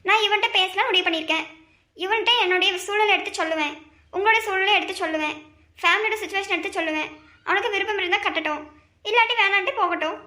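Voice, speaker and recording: Squeaky pleading young wife. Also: female voice, fast talker, pushed and bright. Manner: pleading, coaxing husband. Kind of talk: cartoon family drama.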